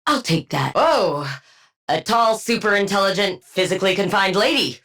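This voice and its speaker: A woman with a mid-range voice, speaking at normal speed, delivers video game combat lines as a brilliant, dry-witted scientist who's a villain-antihero. Her tone is clinical, deadpan and wryly bookish.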